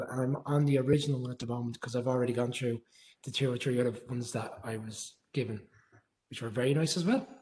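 A man's voice: mid-range voice, darkish tone, rough recording. A man chatting casually as a panellist on a show. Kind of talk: casual chat.

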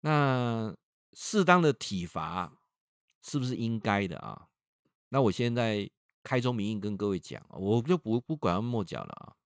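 A man's voice: lowish voice, very animated, a little slow, no echo, clean studio sound. A man with a Taiwanese Mandarin accent, a professor hosting a livestream talk who tells stories and draws out the particles at the ends of his phrases.

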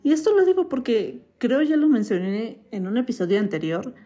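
A woman's voice: fairly high pitch, big pitch swings, normal speed, dark tone. A woman from Mexico with a Mexican accent hosting a podcast, chatty and opinionated, with an occasional self-mocking laugh. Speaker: podcast host. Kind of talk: casual podcast commentary.

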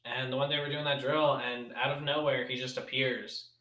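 A man's voice: medium pitch, little pitch movement, normal speed, bright, forceful tone. A young man co-hosting a podcast, telling rambling stories with frequent laughs. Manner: rambling storyteller, laughs often. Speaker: podcast co-host. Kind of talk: casual chat. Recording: echoey room.

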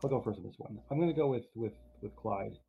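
A man co-hosting a casual fantasy football show, talking in halting bursts with lots of restarts and some teasing. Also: on the low side, vocal fry. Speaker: co-host. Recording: tinny phone-like line with faint noise.

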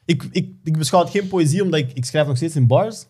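A man chatting on a podcast, often pausing and repeating words while he thinks. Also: on the high side, expressive, a little mellow, husky. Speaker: podcast host. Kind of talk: casual chat.

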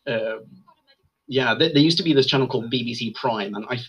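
A man in his thirties from Sweden chatting as a podcast guest, with a husky, breathy edge to his voice. He talks in a gushing, self-mocking way at an ordinary middle pitch. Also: fairly quick, a bit bright, muffled recording. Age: 30s. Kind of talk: casual chat.

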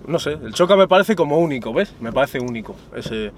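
A man's voice: on the high side, fairly quick, slight background noise. A young man from Spain, an interview guest chatting casually in a car, using lots of street slang and calling the host brother and cousin. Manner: relaxed street slang, says "hermano" and "primo" constantly.

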